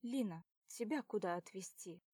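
A woman voicing a calm, easygoing young man with an even, practical manner. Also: medium pitch, moderate pace, slightly rough, no room sound, clean studio sound.

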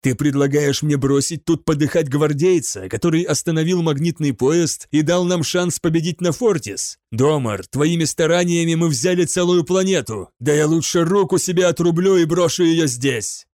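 A man's voice: a little high, animated, a little slow, hardly any pauses, a little mellow, no echo, studio quality, voice pushed up. A man voicing a determined, commanding male commissar in an audiobook, speaking in a raised, urgent, rallying way.

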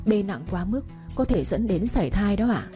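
A woman's voice: mid-range voice, lively intonation, moderate pace, warm tone, faint music behind, natural voice. A woman voicing a meek, pregnant young daughter-in-law who speaks politely and pleadingly.

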